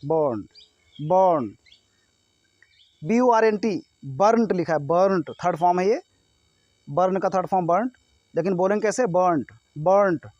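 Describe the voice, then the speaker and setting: A man with an Indian accent teaching a pronunciation lesson in a video, saying words slowly again and again and often checking in with his students. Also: high-pitched, a little mellow, no room sound, muffled recording. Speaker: English teacher.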